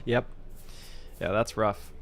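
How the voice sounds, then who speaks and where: A man hosting a live stream of a board game, commentating as he plays and bursting into shouts and laughter. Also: on the low side, very slow, vocal fry, a little hiss or hum. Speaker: streamer and channel host.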